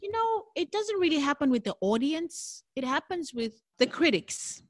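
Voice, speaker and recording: Speaking at a moderate pace in a high, very animated voice, a middle-aged South African woman whose first language isn't English is interviewed conversationally about being a jazz singer. She's candid and thoughtful and laughs easily, and the studio-quality recording is dry.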